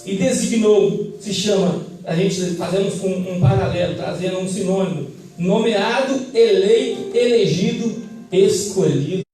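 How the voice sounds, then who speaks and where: A man's voice: high-pitched, unhurried, mellow, soft background music. A man with a Brazilian Portuguese accent preaching a fervent sermon and calling for amens from the congregation. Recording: echoey church hall, mic at a distance.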